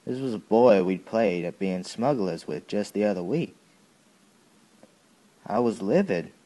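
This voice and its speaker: In an audio drama, a man with a low, mellow voice plays a young Southern soldier delivering a first-person monologue about a childhood atrocity. His heavily acted account is plain-spoken, folksy and halting, charged with grief, anger and bitterness.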